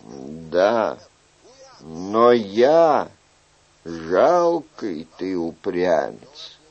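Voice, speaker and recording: Мужчина играет усталого насмешливого короля. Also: male voice, low-pitched, very animated, highs cut off, voice pushed down, full character voice. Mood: wry. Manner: soft, measured, wry. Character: weary, wry middle-aged male king.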